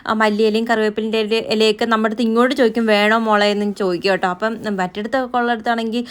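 A woman with a fairly high, smooth and clear voice narrates her vlog in a quick, chatty voice-over. She tells her day as a story and keeps adding a friendly "you know". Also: little pitch movement. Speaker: vlogger.

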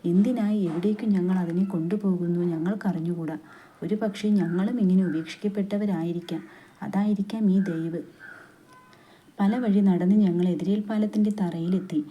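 A woman reading a literary story aloud in a steady, unhurried narrating voice, with dialogue quoted along the way. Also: lowish voice, lo-fi sound, a little hiss or hum. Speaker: story reader.

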